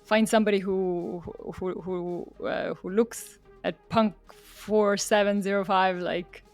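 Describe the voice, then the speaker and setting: A woman's voice: medium pitch, fairly even intonation, slow, soft background music. A woman from Estonia, a podcast guest telling stories in casual talk and laughing often.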